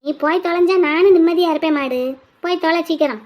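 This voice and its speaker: A woman's voice: very high-pitched, fast talker, dull audio. A woman voicing a small, cheeky and affectionate girl in a cartoon. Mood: teasing. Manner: chirpy, teasing, pleading.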